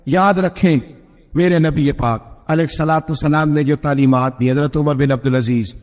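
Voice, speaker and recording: A man's voice: a little high, steady tone, darkish tone. A male preacher telling a moral story in an emotional sermon, his voice rising on the points he stresses. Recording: long hall reverb.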